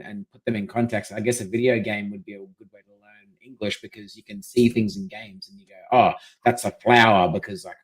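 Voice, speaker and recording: A man's voice: on the low side, poor audio. A man chatting casually as a podcast guest, rambling and thinking aloud with restarts, while his microphone keeps cutting out so his volume is uneven. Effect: mic cutting out, uneven volume.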